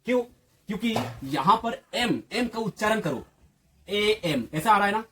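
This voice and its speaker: In an unhurried, expressive manner, a man gives a classroom-style grammar lesson with a slightly raised pitch, a husky edge, and a bright, forceful tone. He moves step by step, putting questions to the viewer and answering them on his own.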